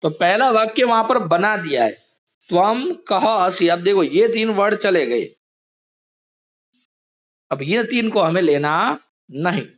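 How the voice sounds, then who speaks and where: A male teacher with a fairly high voice talks slowly through a lesson. His manner is patient, and he explains each step carefully for students on a video call. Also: expressive. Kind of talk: online class lesson.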